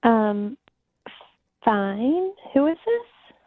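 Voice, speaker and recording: A woman on a tinny phone line, answering in a guarded, blunt, matter-of-fact way. Her voice is a little higher than average and dry. She gets straight to the point. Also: sing-song, drawn-out words, no echo. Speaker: person called on air. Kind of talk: casual phone conversation.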